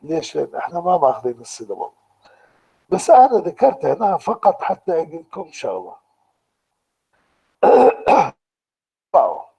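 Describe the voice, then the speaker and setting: A man with an Iraqi Arabic accent giving a university lecture online, explaining slowly and deliberately and restating each point in two languages. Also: fairly high pitch, wildly swooping pitch, creaky, warm tone, husky, rough recording.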